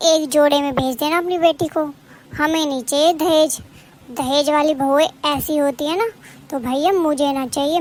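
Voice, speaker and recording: A woman's voice: sits high, lightly acted. A woman voicing a gossiping middle-aged neighbor aunt in a cartoon, scolding and complaining. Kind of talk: animated cartoon voice acting.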